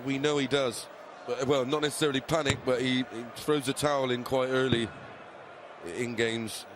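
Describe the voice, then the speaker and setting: A man's voice: mid-range voice, flat delivery, moderate pace. A man giving conversational analysis as co-commentator on live darts. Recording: clear crowd and venue noise behind.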